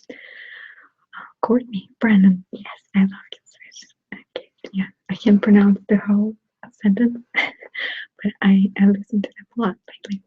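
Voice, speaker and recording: A woman with a Russian accent whispers breathily in a mid-range voice, hosting a whispered ASMR live chat on her channel. She giggles softly as she answers viewer comments. Her desktop USB mic gives a dull, dry close-mic sound with no echo.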